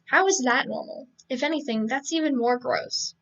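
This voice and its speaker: A dismissive, sharp-tongued teenage boy speaks curtly and coldly, as a woman reads him aloud. The voice sits high, with a gravelly edge. It comes through a dull, lo-fi stream mic. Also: normal speed, distant mic. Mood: cold, scornful. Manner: curt, insulting, flat delivery.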